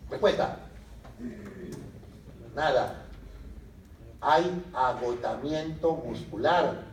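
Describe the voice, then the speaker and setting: A man lecturing a medical class, lively, asking the students questions and answering them himself. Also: medium pitch, drawn-out words, a little hiss or hum. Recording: echoey room from a distance.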